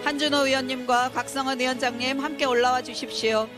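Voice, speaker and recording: A high-pitched voice hosts a formal ceremony from the stage, giving polite, ceremonious announcements. Loud music plays all around the voice. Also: fairly even intonation, fast. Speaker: ceremony host.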